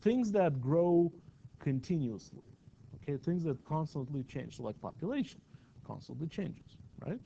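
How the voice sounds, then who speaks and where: A man's voice: a little high, very animated, measured pace, creaky, dark tone, slight background noise. Chatty male math teacher, lo-fi classroom. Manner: chatty, asks the class questions. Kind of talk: classroom lecture.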